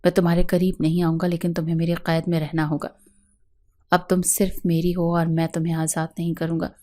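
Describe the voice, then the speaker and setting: A woman's voice: on the low side, monotone, dark tone, lightly acted. Cold vengeful young husband, voiced by a female narrator, hard and clipped. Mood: cold, stern. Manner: cold, stern delivery. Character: harsh vengeful young man, cold and bitter.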